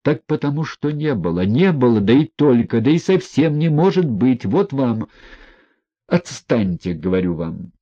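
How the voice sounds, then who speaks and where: A man voicing a hot-tempered old retired general who shouts in broken, sputtering phrases. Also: mid-range voice, very animated, a little slow, dull audio, voice pushed up. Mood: indignant. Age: older.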